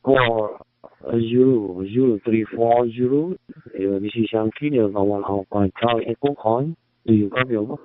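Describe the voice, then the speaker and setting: A man's voice: mid-range voice, narrow, tinny audio. Man on a radio signal breaking up. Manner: halting, spells call signs phonetically. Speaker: amateur radio caller. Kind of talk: radio call-sign exchange. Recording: thin dry radio transmission.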